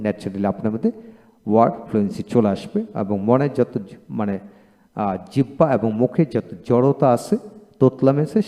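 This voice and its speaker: Man, English teacher, mellow dark voice, repeats each word twice, long reverb. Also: medium pitch. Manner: encouraging, religious phrases. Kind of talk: spoken English lesson, drilling words.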